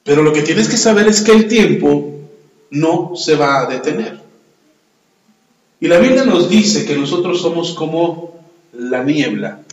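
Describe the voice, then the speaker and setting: A pastor preaching a sermon and telling stories, often putting questions to the congregation. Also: male voice, fairly high pitch, expressive, a little slow, pauses often. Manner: storytelling, asks the congregation questions. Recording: echoey hall, long reverb.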